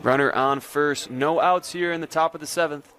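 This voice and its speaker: Higher-voiced man calling baseball. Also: steady tone, normal speed, a bit bright, faint music behind. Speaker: baseball play-by-play commentator. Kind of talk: live sports commentary.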